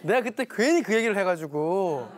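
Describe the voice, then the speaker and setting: A man's voice: high-pitched, lively intonation, normal speed, a crowd in the background. A man giving a televised lecture on parenting, telling stories animatedly and acting out quoted dialogue.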